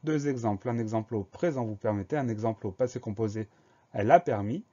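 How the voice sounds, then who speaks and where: A man's voice: medium pitch, quick pace, warm tone, lo-fi sound. A male teacher giving a spelling dictation lesson, breaking words into syllables and spelling them out letter by letter.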